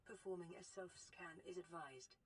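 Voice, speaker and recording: A woman voicing a calm, gentle female AI assistant that monitors the player's health, in a soft, even, clinical manner. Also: lowish voice, normal speed, background noise, natural voice. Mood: reassuring. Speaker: in-game computer assistant.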